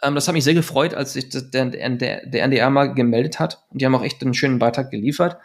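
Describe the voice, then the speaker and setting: Gravelly German man, rambling fast. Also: mid-range voice. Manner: fast, rambling with many fillers and restarts. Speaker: guest. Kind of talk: casual podcast interview.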